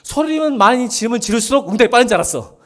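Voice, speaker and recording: Lively high-voiced pastor, jokes around with the congregation, suddenly yells, twang here and there. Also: male voice, very fast. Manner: animated, joking with the congregation, bursts into shouting. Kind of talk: sermon. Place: church sanctuary.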